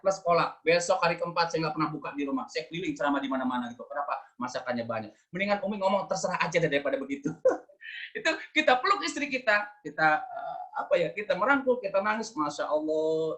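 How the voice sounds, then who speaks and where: A man preaching to an audience, animated and playful, acting out dialogues and often asking his listeners questions. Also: a little high, quick pace. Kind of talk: religious talk with comic role-play.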